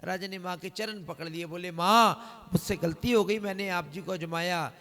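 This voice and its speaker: A man narrates a devotional tale at a religious gathering, his high voice carrying a gravelly edge. He talks at an unhurried pace and stretches into long sung verses. His voice rings with the long reverb of a big hall. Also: bright, forceful tone. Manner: calls on the crowd to raise hands and respond; switches into long drawn-out singing. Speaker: devotional storyteller at a night vigil.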